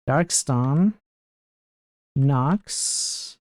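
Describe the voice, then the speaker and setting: A man's voice: medium pitch, drawn-out words, darkish tone, no room sound, studio quality. A man doing casual live game commentary, thinking aloud and putting questions to his chat. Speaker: game streamer.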